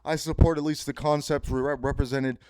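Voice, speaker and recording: A man hosting a solo podcast delivers a grandiose, pseudo-philosophical monologue that rambles, circles back on itself with repetitive phrasing, and erupts into sudden profanity. His voice is slightly high, brisk, clean and darkish with little pitch movement, and the recording is dry.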